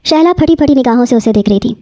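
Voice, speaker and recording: A woman narrating a romance novel in a steady, measured reading voice. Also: on the high side, no echo.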